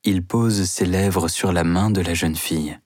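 A man reading a simplified novel aloud in slow, deliberate narration. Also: sits low, steady tone, darkish tone, no echo, studio quality.

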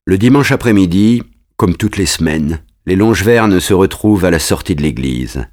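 A man reading a story aloud in calm, measured narration. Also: low voice. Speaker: audiobook narrator. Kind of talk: scripted narration.

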